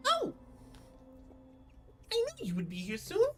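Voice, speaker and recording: Woman putting on a sweet, high-voiced tiny pixie. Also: wildly swooping pitch, slow, loud music behind the voice, exaggerated voice. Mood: bright, welcoming. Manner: gentle, coaxing, reassuring. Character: tiny sweet soothing female pixie secretary. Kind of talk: character voice in tabletop role-play.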